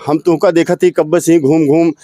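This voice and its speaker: A man with an Awadhi accent voicing a villager who calls loudly to a lost stranger. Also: a little high, steady tone, a little fast, dry recording, lightly acted. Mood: shouting. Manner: loud, calling out.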